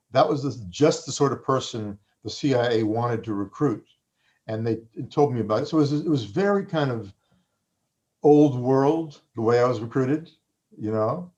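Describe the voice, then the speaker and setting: A man whose first language was Farsi speaks as an interviewed author, reflective and often pausing to restart his sentences. His voice is mid-range with a darkish tone, and the recording sounds a little dull and lo-fi.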